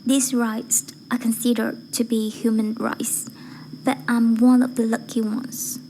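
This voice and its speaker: An amateur voice-acting student, a woman, recites a formal speech in a fairly high, breathy voice that is mellow and soft-edged. She speaks in a measured, deliberate way with very little pitch movement. The audio is poor, with faint background noise.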